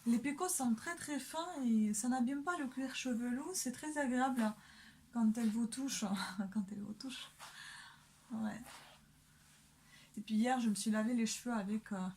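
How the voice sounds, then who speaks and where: A woman's voice: on the high side, moderate pace, darkish tone, slight background noise. A young woman chatting casually while doing her makeup, full of hesitations and fillers. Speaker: beauty vlogger.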